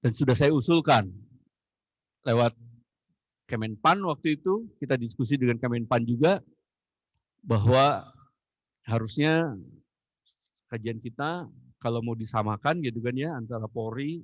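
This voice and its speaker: A man's voice: mid-range voice, unhurried, pauses often, dry recording, muffled recording. A man answering audience questions as an agency official, rambling with frequent fillers and tag phrases. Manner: rambling, many "eh" and "gitu kan ya" tags. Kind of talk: Q&A answers in a webinar.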